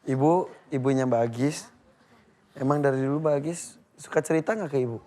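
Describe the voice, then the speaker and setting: A man's voice: medium pitch, a little fast, dark tone. A man hosting a TV talk show chats casually and is easily amused. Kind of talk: casual chat. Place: TV studio. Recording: studio audience in background.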